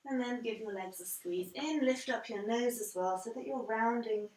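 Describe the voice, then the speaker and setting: Lady yoga teacher, calm step by step cues, roomy echo, bit far from the mic. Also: fairly high pitch. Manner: calm, measured step-by-step guiding. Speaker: yoga instructor. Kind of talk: guided yoga class instruction.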